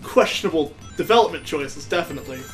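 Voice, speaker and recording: A let's play host with a slightly high voice talks fast with lively intonation while playing a video game, griping with amused sarcasm. Game music plays faintly in the background.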